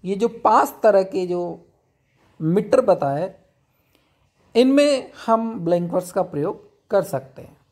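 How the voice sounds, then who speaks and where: Slow-spoken male English teacher. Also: high-pitched, animated, darkish tone. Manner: explains step by step, reads English definitions slowly. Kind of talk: classroom lecture.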